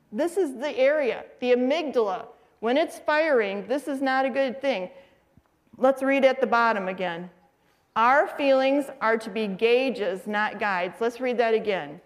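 Lively middle-aged woman teaching a Bible class. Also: high-pitched. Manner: lively storytelling, asks the audience questions. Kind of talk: faith-based teaching talk.

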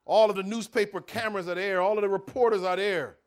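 A man preaching a sermon, telling a story with dramatic pauses and rising intensity. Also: sits high, steady tone.

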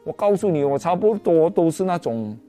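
Animated Malaysian man telling a testimony. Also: a little high, moderate pace. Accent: Malaysian Mandarin. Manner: animated storytelling, heavy use of particles 哦 and 啊. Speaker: testimony speaker. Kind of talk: personal testimony storytelling. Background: soft guitar music.

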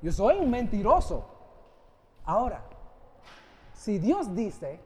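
A man's voice: sits high, slow, slightly rough. A middle-aged man preaching a sermon. He keeps asking the audience questions and slips in English phrases now and then. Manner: lively, asks the audience questions, often adds "¿verdad?".

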